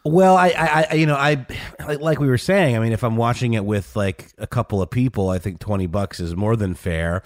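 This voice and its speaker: A man's voice: mid-range voice, a little fast, hardly any pauses, studio quality. A man co-hosting a podcast in casual, hesitant conversation, recorded in a slightly echoey, untreated large room. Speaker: podcast co-host. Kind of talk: casual chat. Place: large new office studio with bare walls.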